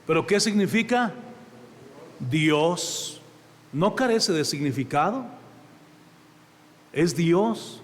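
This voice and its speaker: A man's voice: high voice, in a large hall. A man with a Mexican accent, a pastor preaching a sermon in a conversational way and often calling the congregation "brother". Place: church.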